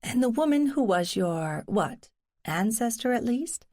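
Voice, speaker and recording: A woman's voice: fairly high pitch, expressive, a little slow. Cozy mystery narrator voicing a concerned, questioning woman companion. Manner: inquiring, gently concerned.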